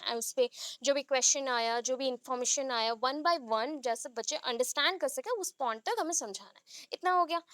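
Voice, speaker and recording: Woman teacher on a video call, high and bright, close dry sound, explains step by step and keeps checking in with students. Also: no room sound. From India. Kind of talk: online class lecture.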